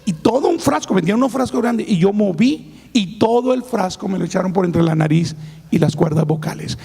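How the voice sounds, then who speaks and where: A pastor gives a sermon testimony in a church hall, his hoarse, raspy, gravelly voice high for a man yet dark in tone. Expressive and brisk, he speaks with emphatic warmth and keeps calling his listeners brothers, while a long hall reverb trails his words.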